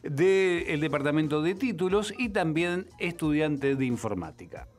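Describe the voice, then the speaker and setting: A man hosts a university radio show, speaking in a measured announcer style. His voice sits a little higher than most men's. A soft music bed plays underneath. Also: expressive. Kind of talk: radio program introduction.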